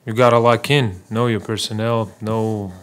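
Speaking in a low monotone, a man in his 30s halts through his postgame press conference answers with plenty of fillers. He sits in a small press room with a table mic in front of him.

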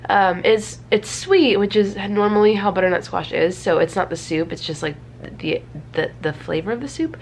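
Talking to the camera in a small bedroom, this woman in her twenties sounds congested and stuffy from a cold as she rambles casually and self-deprecatingly. She speaks at a normal speed in a mid-range voice, and faint room noise lingers behind her.

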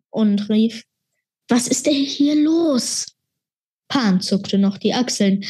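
A woman reads a children's fantasy story aloud. Her voice sits at a middle pitch, and her narration stays steady and expressive. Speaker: reader. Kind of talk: children's book reading.

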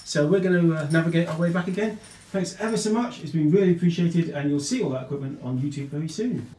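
A mellow, fairly high-pitched male voice moves along quickly as the host of a video channel tinkers with equipment at home. It's easygoing vlog chatter, polite and full of thinking aloud, recorded in indoor home rooms.

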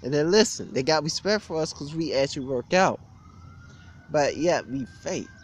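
A young adult man, a gym vlogger, rants informally to camera outdoors on a street next to a brick building, sounding blunt, repetitive and aggrieved. His voice is on the high side and his speed normal. He's recorded on a handheld phone or webcam at arm's length.

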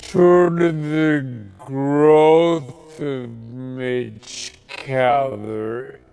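A middle-aged man hosting a post-game sports analysis show from a TV studio desk on a lapel mic, heard in slowed-down playback. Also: mid-range voice, fairly even intonation, creaky, dark tone, slight background noise. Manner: steers the show, hands questions to the analysts. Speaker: studio host.

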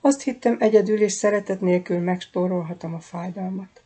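A woman's voice: medium pitch, warm tone, breathy edge, close to an everyday voice. A woman reading a tender wounded young lover. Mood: tender, confiding. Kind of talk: audiobook character reading.

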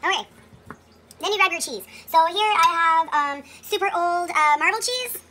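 Speaking at normal speed with an extremely high, pushed, bright voice, a woman in her thirties chats casually through a home cooking demo. She rambles and corrects herself, recorded on a phone camera in her kitchen over the clear clatter of dishes and pans.

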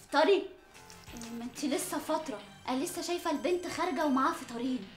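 An actress playing a naive, clingy young daughter in an Egyptian Arabic sitcom, with a whiny, pleading way of talking. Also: female voice, sits high, fast, faint music behind, lightly acted. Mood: suspicious. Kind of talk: sitcom acting. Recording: roomy set sound.

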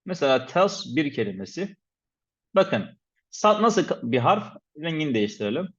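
A man's voice: a little high, sing-song, moderate pace, a bit bright, husky. A man teaching a pronunciation lesson, patiently repeating syllables to demonstrate and formally addressing his viewers as respected teachers. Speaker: Quran recitation teacher. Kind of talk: instructional lesson. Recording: dull lo-fi recording.

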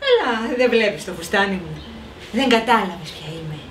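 A woman voicing a calm, gentle magical lady in a storybook reading. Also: mid-range voice, roomy sound, a little hiss or hum, voice pushed down, natural voice.

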